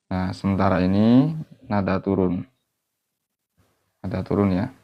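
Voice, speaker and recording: A man teaching Quran reading melodies, speaking slowly and adding "ya" after his phrases, and singing short phrases as examples. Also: low voice, lo-fi sound. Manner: slow, repeats "ya" after phrases, sings melodic phrases to demonstrate. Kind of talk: online recitation lesson.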